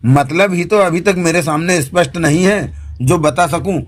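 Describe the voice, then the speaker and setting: A man voicing a raspy male spirit speaking through a woman. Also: fairly high pitch, moderate pace, close to an everyday voice. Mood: evasive.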